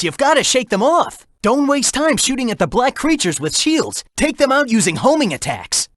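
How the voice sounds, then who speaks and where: A young male hedgehog hero from an action video game fires off short, slangy, energetic battle callouts, brash, upbeat, cocky and urging. His exaggerated voice swings wildly in pitch. The studio sound is dry and tight, with no room sound.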